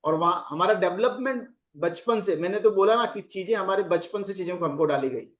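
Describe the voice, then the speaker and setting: High-pitched guy coaching on relationships, talks it through casually, acts out angry lines as examples. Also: a little fast, muffled recording. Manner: explains with acted examples of angry phrasing. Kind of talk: casual advice talk.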